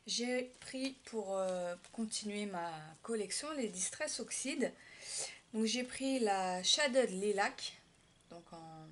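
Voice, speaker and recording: A woman chatting casually in a haul vlog, showing her craft purchases, talking hesitantly with many fillers and restarts. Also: mid-range voice.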